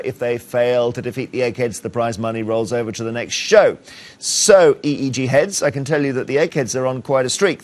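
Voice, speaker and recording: A man's voice: medium pitch, a little mellow. Jokey male quiz show host. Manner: jokey, teasing banter. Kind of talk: TV quiz presenting.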